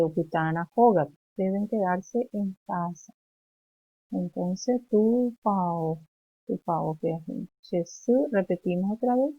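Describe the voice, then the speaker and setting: Woman, preschool teacher, very slow, repeat-after-me, muffled lo-fi sound. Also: on the low side. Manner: slow, repeats phrases for children to echo. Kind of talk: remote language lesson for young children.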